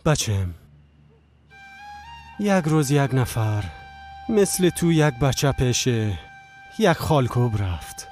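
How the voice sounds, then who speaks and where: A man dubbing a calm, devout older father who patiently counsels his son with a story. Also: medium pitch, pauses often, faint music behind, lightly acted. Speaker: dubbing actor. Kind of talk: dubbed TV drama.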